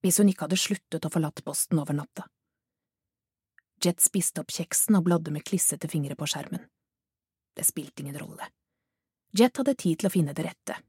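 A woman narrating a thriller audiobook in a measured, hushed manner. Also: deep voice, slightly rough, no room sound, studio quality. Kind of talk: scripted narration.

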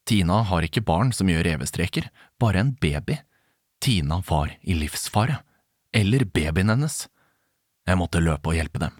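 A man narrating a first-person suspense story, slowing down at the tense moments. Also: deep voice, expressive, no room sound, clean studio sound.

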